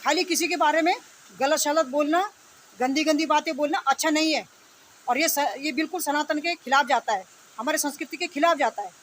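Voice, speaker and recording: High-pitched scolding woman, indignant rant. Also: brisk, rough recording. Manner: repeats phrases and rhetorical questions, tag questions. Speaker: online video commentator. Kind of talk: unscripted opinion rant addressed to opponents. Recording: steady background noise.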